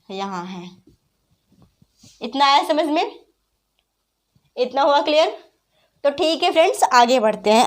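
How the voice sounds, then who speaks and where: A woman teaching a grammar lesson, patiently asking her students questions and repeating the answers herself. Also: sits high. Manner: repeats questions to students, addresses them as friends; patient, explains slowly with examples. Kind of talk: online class lesson.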